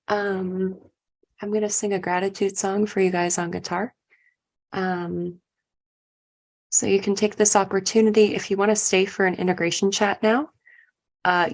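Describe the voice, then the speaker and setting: A woman leading a guided meditation, speaking slowly and softly, then chatting casually with her group. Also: mid-range voice. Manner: slow, soft and drawn-out.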